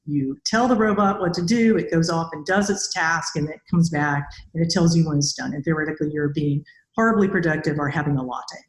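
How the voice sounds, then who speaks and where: A middle-aged woman with a low-sitting voice, talking a little fast, hosts a conversational podcast interview. She's a robotics academic, recorded over a video call in an echoey indoor room with bare walls.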